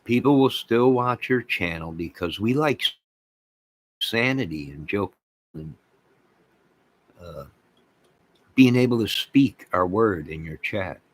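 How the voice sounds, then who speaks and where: An American host of an online channel delivers an opinionated, emphatic rant to his viewers, repeating phrases for weight and sarcastically mocking opposing views. His lowish voice has lively intonation, he speaks slowly with long pauses, and the audio is poor.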